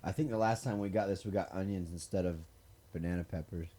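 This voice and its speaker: A man's voice: low-pitched, quick pace, noisy background. A man co-hosting a live podcast, laid-back and casually swearing, mostly short replies. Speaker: podcast co-host. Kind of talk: casual chat.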